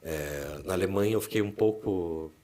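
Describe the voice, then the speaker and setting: A man with a fairly low voice and a Curitiba accent from southern Brazil, talking as a podcast guest. He chats casually and tells stories with energy, switching into little acted voices when he quotes people. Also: normal speed. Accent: Curitiba Brazilian Portuguese. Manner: animated storyteller, acts out quoted speech. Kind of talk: casual interview chat.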